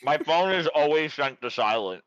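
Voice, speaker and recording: A man chatting casually while playing a cooking game with friends, joking in a dry, mock-deadpan way. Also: on the high side, moderate pace, smooth, no room sound, muffled recording. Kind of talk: casual gaming chat.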